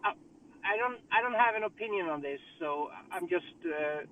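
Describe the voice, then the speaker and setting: Male caller on a car speakerphone while driving, high-voiced, thinking aloud in halting bursts. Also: lively intonation, slight background noise. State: distracted by driving. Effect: car speakerphone call while driving. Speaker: caller in a group discussion. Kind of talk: casual group call chat. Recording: tinny distant phone line from a car.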